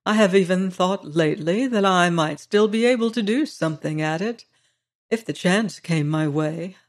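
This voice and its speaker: A man reading the part of a genial, suave blind gentleman in an audiobook, speaking quietly and thoughtfully with a slightly higher voice. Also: moderate pace, natural voice.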